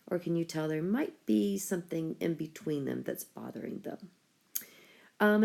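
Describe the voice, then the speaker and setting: A woman's voice: fairly low pitch, gravelly, dark tone. A woman schoolteacher explaining a writing lesson to her class step by step. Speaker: school teacher.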